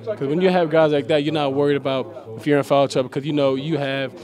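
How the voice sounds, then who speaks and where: A young man, a college basketball player, answering post-game questions haltingly with many fillers in a locker room. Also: a little high, steady tone, crowd noise. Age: young adult. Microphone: handheld mic held by interviewer.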